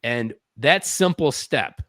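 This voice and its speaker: Slow, forceful, and expressive, a man in his thirties with a bright, medium-pitched voice tells personal stories as a podcast guest. He speaks earnestly, quoting his inner voice during the reflective interview, recorded in studio quality with no room sound.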